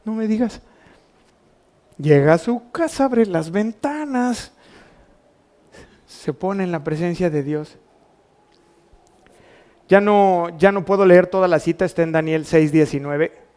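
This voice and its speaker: Pastor, Mexican Spanish accent, male, lightly raised pitch, preaching with rhetorical questions to his congregation. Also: a little slow, long pauses, a little mellow. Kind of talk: sermon. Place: church.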